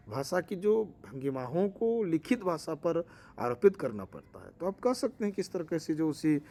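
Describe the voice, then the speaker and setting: A man's voice: medium pitch, a little mellow. A man teaching a language lecture for exam preparation, explaining with fillers and restarts.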